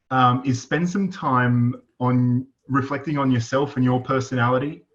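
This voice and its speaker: Male panelist, hesitant and wry, restarts often; lo-fi dull recording. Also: mid-range voice. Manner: hesitant, self-deprecating, many restarts. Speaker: industry panelist. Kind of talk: panel discussion.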